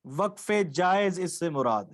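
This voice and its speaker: High-voiced Pakistani man teaching patiently. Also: expressive. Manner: patient, repeats key points and examples. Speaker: Quran recitation teacher. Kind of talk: online lecture on Quranic recitation rules.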